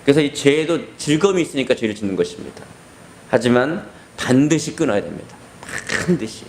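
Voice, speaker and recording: A man's voice: mid-range voice, sing-song, a little fast, slight background noise. A male pastor giving a sermon, telling a story in an earnest, conversational way. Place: hospital basement room.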